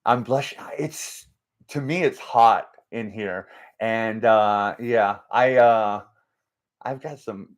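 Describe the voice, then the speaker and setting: A man hosting a faith-based motivational live stream, talking in a slow, halting way with many restarts and repeated words, and reading out and answering viewer comments. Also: lowish voice.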